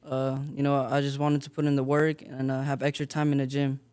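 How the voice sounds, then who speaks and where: A man's voice: mid-range voice, completely flat delivery, brisk, darkish tone, clear, resonant tone. A young man from Las Vegas, giving modest, filler-laden answers as a boxer in an interview. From Las Vegas, Nevada. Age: young adult. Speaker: boxer guest.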